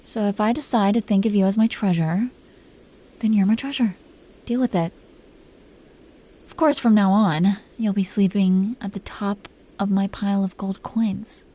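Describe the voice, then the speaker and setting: In this intimate romantic audio roleplay, a female performer plays a dragon queen who is playfully possessive and affectionate. Her mid-pitched, mellow delivery is soft and halting, and only lightly acted.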